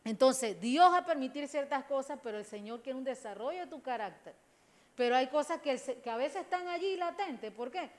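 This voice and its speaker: Panamanian woman pastor, middle-aged, high voice, emphatic sermon delivery. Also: expressive, brisk. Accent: Panamanian Spanish. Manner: preaching with rising emphatic bursts, addressing listeners as brothers.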